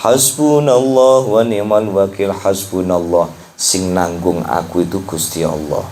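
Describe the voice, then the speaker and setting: A man with a Central Javanese accent giving a casual sermon at a home study gathering. He jokes with the audience and chants Arabic prayers slowly. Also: deep voice, steady tone, mellow, slight background noise. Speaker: ustadz teaching a weekly religious study.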